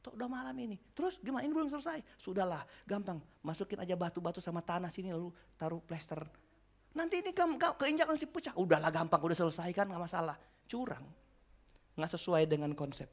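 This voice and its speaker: A male pastor with an Indonesian accent preaching a sermon, telling stories in acted-out voices and moving from quiet asides to shouted calls. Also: a little high. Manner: animated storytelling that swings from quiet asides to shouted exhortation. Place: church.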